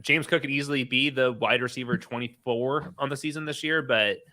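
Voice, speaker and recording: A man on a casual podcast, talking as a co-host analyst in a relaxed, rambling way. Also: medium pitch, brisk.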